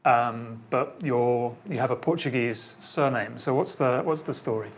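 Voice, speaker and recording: A man's voice: mid-range voice, a little slow. A man hosting an interview podcast, asking thoughtful, curious questions. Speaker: podcast host.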